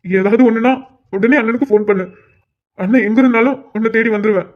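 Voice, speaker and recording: A man voicing a gentle, protective older brother who soothes his tearful sister in a cartoon. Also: sits high, brisk, dull audio, natural voice. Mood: soothing. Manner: soothing, reassuring. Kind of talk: Tamil cartoon voice acting.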